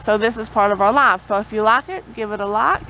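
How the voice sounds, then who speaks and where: A woman's voice: mid-range voice, fairly quick, bright, forceful tone, low-quality recording. A woman gives a casual vlog update outdoors in a folksy, rambling way, talking over generator and vehicle noise. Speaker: vlogger. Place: outdoors near a road. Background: generator and passing vehicles.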